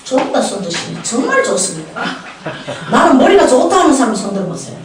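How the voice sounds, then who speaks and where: A woman's voice: fairly high pitch, sing-song, brisk, heavy background noise. An older woman with a Gyeongsang Korean accent preaching a humorous storytelling sermon, chatting with and questioning the congregation. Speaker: prayer house director preaching. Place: church sanctuary. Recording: echoey church hall, distant mic, poor quality.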